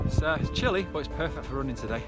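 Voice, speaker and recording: A man with a fairly high voice chats to camera while out jogging. His delivery is casual and broken into short phrases, as an outdoor vlogger's is. Loud music plays along with him. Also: lively intonation, rapid-fire. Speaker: trail running vlogger. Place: outdoors on an upland trail.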